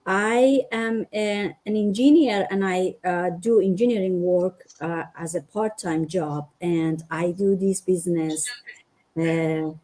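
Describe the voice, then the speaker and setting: A woman from Afghanistan co-hosting a livestream, introducing herself slowly and haltingly. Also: on the low side, mellow. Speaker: co-host.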